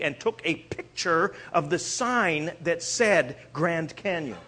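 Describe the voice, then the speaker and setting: A man from Eastern Canada preaching a sermon, telling stories in an animated way and often restarting his sentences. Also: high-pitched. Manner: animated storytelling with frequent restarts.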